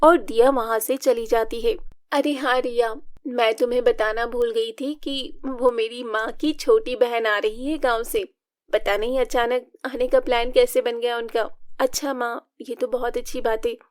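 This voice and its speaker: Expressive woman reading a family story. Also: fairly high pitch, unhurried, dry recording, clean studio sound. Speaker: narrator voicing all women. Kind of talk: storybook narration with character voices.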